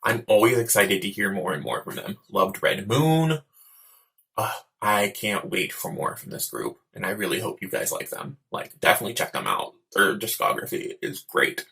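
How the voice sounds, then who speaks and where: A man's voice: on the low side, sing-song, normal speed, vocal fry, sharp tone. A man giving casual reaction commentary as a host, talking in an effusive, campy, slangy way. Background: music videos playing.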